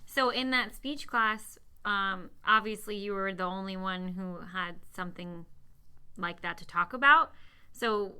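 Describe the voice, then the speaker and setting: A woman interviewing her father in a casual family conversation, encouraging and responsive with quick affirmations. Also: medium pitch, bright, forceful tone, clean tone. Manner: encouraging, responsive, laughs easily. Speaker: interviewer, daughter.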